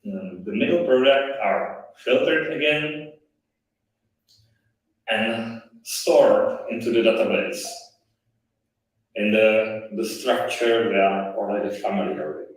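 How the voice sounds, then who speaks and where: A man giving a technical conference presentation, talking haltingly with restarts, his voice played through a loudspeaker and re-recorded. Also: fairly low pitch. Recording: echoey, distant speaker re-recording.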